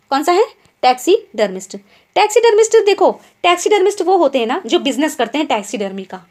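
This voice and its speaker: A young woman teaching an online English vocabulary lesson, explaining in Hindi mixed with English words and checking in with her students after nearly every point. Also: high-pitched. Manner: keeps asking quiz questions and tag checks like "ठीक है?".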